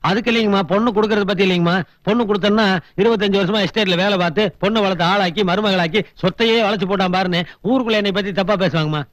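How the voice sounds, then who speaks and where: A man's voice: high-pitched, a bit bright, dry recording. An actor playing a melodramatic, fawning comic servant and bride's father in a film, with theatrical self-pity. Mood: pleading. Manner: wailing, theatrical self-pity with fast chatter. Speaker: estate worker and bride's father.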